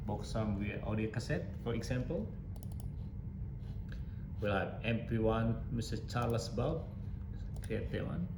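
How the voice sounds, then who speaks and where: An instructor walks through audio digitisation software step by step in an informal tutorial, his fairly low voice a little slow and broken by long pauses. The room echoes and background noise is clearly audible.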